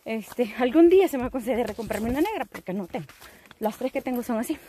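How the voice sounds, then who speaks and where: A woman telling a rambling, animated story to her vlog audience while outdoors. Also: on the high side, fast talker, a little hiss or hum. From El Salvador. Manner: rambling, animated, self-teasing. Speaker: vlogger.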